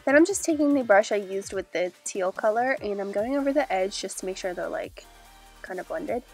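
A young woman with a cold-stuffed, nasal voice runs through a makeup tutorial step by step as a chatty, upbeat beauty vlogger, describing each stage. She's animated and brisk, with a medium-pitched, darkish tone, and faint music plays behind her in a small indoor room with a glitter backdrop.

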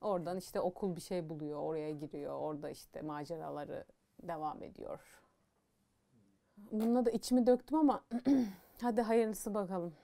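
A young woman chats through a book review in a casual, animated way, opinionated and blunt, her voice soft and warm in tone. She leans on fillers and asides as she goes. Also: lowish voice, normal speed, creaky.

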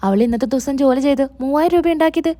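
A blunt young husband who protests and brushes things off, voiced by a woman storyteller. The voice stays mellow and a little high. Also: racing, close to an everyday voice. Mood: firm. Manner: protesting, brusque.

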